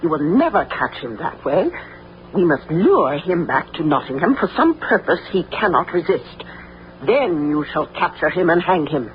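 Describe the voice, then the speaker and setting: A dull, lo-fi radio drama recording features a scheming, domineering villain's sibling. The fairly high voice moves widely in pitch, conspiratorial and commanding in theatrical style. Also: male voice, very animated, moderate pace, slight background noise. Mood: hushed, scheming. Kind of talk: theatrical radio adventure acting.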